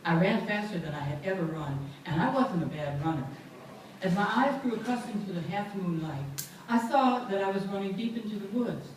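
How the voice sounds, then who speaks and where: A woman reading a memoir aloud at a book launch event, with lively, amused storytelling. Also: lowish voice, a little hiss or hum. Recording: echoey room, far from mic.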